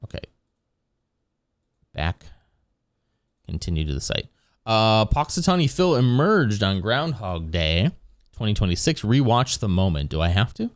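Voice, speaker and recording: A man with a low voice, streaming live and rambling easily to his viewers. His pitch rises and falls a lot as he talks, and he breaks into chuckles often. The sound is dry and close, with almost no room echo. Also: very animated, measured pace, pauses often. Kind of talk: casual chat with viewers.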